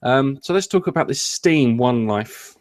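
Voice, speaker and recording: A man runs a casual gaming podcast in a relaxed, rambling way. He jokes about himself and trips over his phrases. His voice sits at an ordinary middle pitch. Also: unhurried. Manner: rambling, jokey, frequent ums and restarts. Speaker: podcast host.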